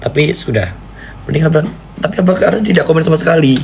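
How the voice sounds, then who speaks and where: A man preaching and chatting on a live stream, playfully pleading and jumping into squeaky high cries, with a faint hiss behind him. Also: lively intonation, fast talker, gravelly, a little mellow. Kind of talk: casual live-stream chat.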